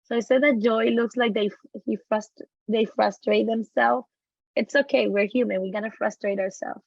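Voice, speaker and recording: A woman educator speaking in an online session, encouraging and a little halting. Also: a little high, fairly even intonation, creaky, dry recording. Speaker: educator, presenter. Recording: dry, muffled lo-fi audio.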